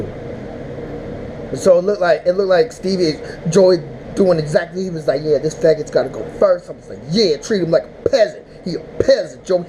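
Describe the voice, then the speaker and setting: A man casually recapping a rap battle, rambling and animated, with mock-emotional outbursts. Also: on the high side, background noise. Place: indoors, smoking while talking.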